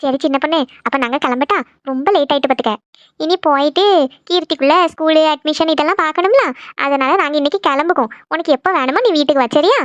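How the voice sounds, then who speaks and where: A woman's voice: high-pitched, fast talker, dry recording, muffled recording, close to an everyday voice. A woman voicing a cheerful, bustling village mother in a cartoon, chatting in a homely way. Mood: reassuring. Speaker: cartoon voice actor. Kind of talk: Tamil cartoon dubbing.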